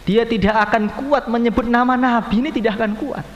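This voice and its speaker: A man preaching an evening sermon, telling stories with passion, dropping to hushed low lines and then rising to raised cries, often adding Arabic honorifics. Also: brisk, muffled recording. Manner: impassioned storytelling, swinging between hushed low lines and raised high cries; peppers speech with Arabic honorifics. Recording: echoey hall with faint hum.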